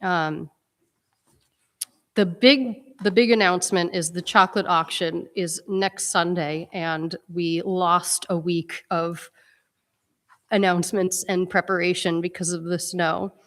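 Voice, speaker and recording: A woman's voice: lowish voice, level tone, measured pace, a bit bright. A woman with a stuffy head cold gives the welcome and announcements at a church service in a chatty, informal way, with frequent ums. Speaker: minister leading worship. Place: church sanctuary. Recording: long reverb in a church sanctuary.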